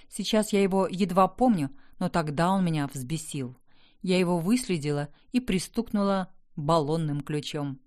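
In a fairly low, darkish voice, a woman reads an audiobook told in the first person. Her scripted delivery has a wry, conversational storytelling feel.

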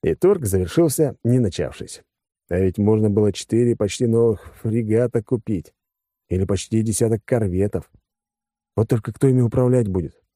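A man's voice: lowish voice, lively intonation, moderate pace, warm tone, no echo, clean studio sound. A man narrating a science-fiction audiobook in first person, in a wry, conversational way.

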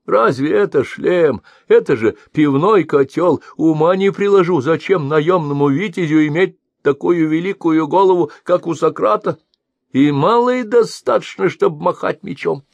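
A man voicing a greedy, wheedling old blind merchant who whines and complains in a shrill, raised voice. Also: moderate pace, creaky, no echo, muffled recording. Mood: mocking.

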